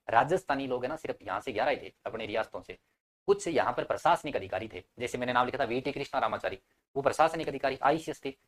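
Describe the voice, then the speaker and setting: A young man runs a live online exam-prep class. He keeps his pitch at a middling level and drills each key point again and again. He pauses to throw questions at his students. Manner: repetitive drilling, quizzing students. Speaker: teacher.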